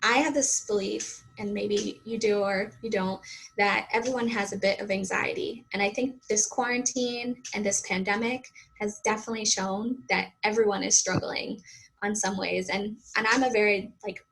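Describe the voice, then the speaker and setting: A fitness coach with a Boston-area accent talks openly and casually as an interview guest, with plenty of fillers. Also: female voice, medium pitch, fairly even intonation, normal speed, vocal fry, fairly bright tone, slight background noise, rough recording. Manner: open, chatty, many fillers.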